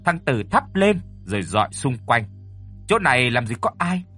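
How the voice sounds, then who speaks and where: A man's voice: medium pitch, normal speed, slightly rough. Man telling a village horror story. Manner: lively storytelling delivery. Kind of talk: scripted horror story narration. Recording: dry close mic with faint music.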